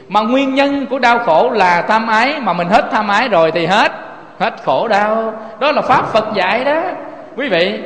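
High-voiced Southern Vietnamese preacher man. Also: a bit bright, echoey room, big-room sound. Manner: rhetorical questions, often addresses listeners directly. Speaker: Buddhist preacher. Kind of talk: sermon.

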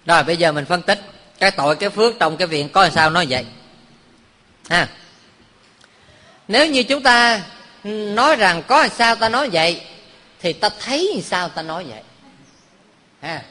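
A man's voice: high voice, animated, normal speed, long pauses, pushed and bright. A man, a Buddhist monk giving a humorous dharma talk, quizzing his listeners and telling stories. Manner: quizzes the audience, jokes and tells stories. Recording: long hall reverb.

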